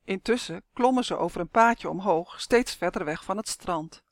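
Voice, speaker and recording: A woman narrating a children's storybook with lively expression. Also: medium pitch, normal speed, no room sound, studio quality. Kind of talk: storybook reading.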